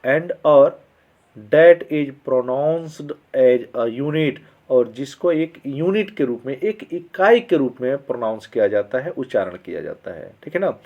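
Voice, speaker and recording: A man teaching English grammar as a lesson, explaining in Hindi. He reads the English examples slowly and often checks that his students are following. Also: medium pitch, a little mellow. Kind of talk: classroom-style grammar lesson. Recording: slightly dull lo-fi sound.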